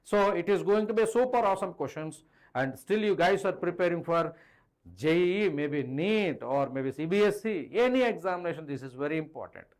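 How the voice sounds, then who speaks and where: A middle-aged male teacher with an Indian accent explains at the board in a live online lesson. His voice sits a little high for a man. He addresses students directly and slips between two languages as he explains. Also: lively intonation, brisk. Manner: code-switches between English and Hindi, addressing students directly. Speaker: chemistry teacher. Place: indoor teaching studio with a digital board. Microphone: clip-on lapel mic.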